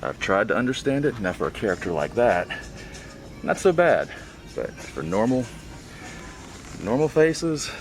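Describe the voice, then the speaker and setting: In a retail aisle with background music, a man hosting a vlog murmurs casual remarks to himself on a toy hunt. His fairly low voice is sing-song and unhurried, broken by long pauses.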